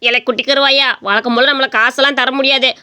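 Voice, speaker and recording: Lazy cartoon village man, gruff and quick, high bright voice, voiced by a woman. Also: fairly even intonation, very noisy, close to an everyday voice. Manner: gruff, dismissive retorts.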